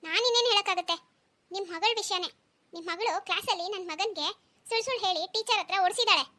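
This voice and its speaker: A woman voicing a rude, arrogant neighbour mother in a cartoon, accusing and sharp. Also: very high voice, fast talker. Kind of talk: cartoon dialogue.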